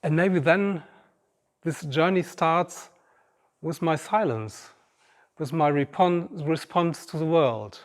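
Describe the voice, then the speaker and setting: Speaking slowly and pausing often, a man in his 50s shares a personal, reflective inspirational talk with the audience in front of him. His pitch is fairly high, and the large auditorium stage gives the recording a long, echoing reverb.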